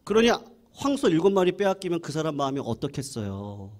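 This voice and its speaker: A man voicing a calm, patient older male country pastor who speaks gently and persuasively. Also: on the high side, brisk. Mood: gentle.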